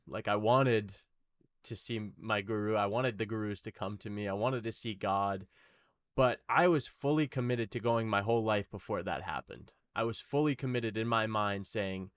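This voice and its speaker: A male podcast guest talking earnestly, in a halting, casual way. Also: fairly low pitch, a bit bright, no room sound, studio quality. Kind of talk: casual interview chat.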